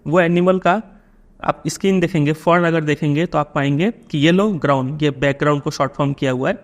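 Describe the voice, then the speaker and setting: Teaching a poem to his students one line at a time, an Indian man talks patiently in a voice that sits a bit high. He often stops to check that the class is keeping up.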